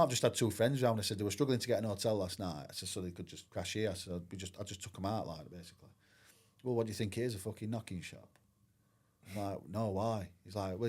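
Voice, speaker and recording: A low-voiced, slightly mellow man, a former professional footballer, is the guest in a casual storytelling interview. He's candid and rambling, often dropping in "I says" and "like."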